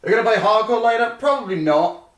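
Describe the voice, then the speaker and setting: Fast-talking and animated, a young man with a high, slightly bright voice rambles to his stream audience while assembling a computer, correcting himself now and then. It's a casual live-stream chat, recorded in a roomy space with a slightly distant mic and faint noise.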